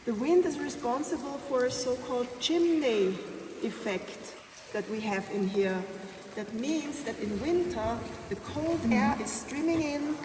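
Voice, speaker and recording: High-voiced woman guide in echoing cave. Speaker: tour guide. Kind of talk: explanatory guided-tour talk. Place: inside a large ice cave. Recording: echoey cave, distant mic, noisy.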